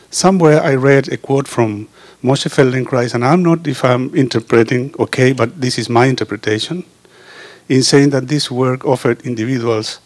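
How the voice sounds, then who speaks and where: Reading his prepared testimonial into a handheld mic, a Chilean osteopath who speaks Spanish as his first language stumbles often, pausing and restarting. The setting is an indoor meeting room, and his earnest voice has an ordinary middle pitch for a man and a darkish tone.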